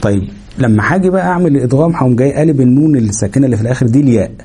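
A man with an Egyptian Arabic accent and a mid-range, mellow, slightly rough voice teaches Quran recitation with lively intonation. He explains the rules and slows down to show each sound, stretching the nasal hum.

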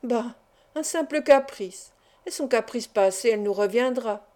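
A man's voice: very high-pitched, unhurried, warm tone. A woman reading the part of an impudent, ironic male gambler who stays coolly confident, in a storybook narration. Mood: coaxing.

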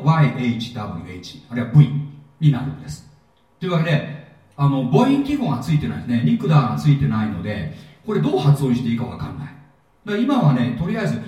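A man lecturing a Bible seminar with a swinging, animated delivery and a mellow tone. He jokes and quizzes the audience as he goes. The sound is heavily echoey and picked up from some distance. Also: a little high. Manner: lively, jokey, asks the audience questions. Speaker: pastor and seminar teacher. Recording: echoey hall, mic at a distance.

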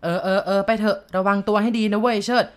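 A woman's voice: mid-range voice, steady tone, fast, lightly acted. A woman voicing a blunt middle-aged man who scolds coarsely. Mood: gruff.

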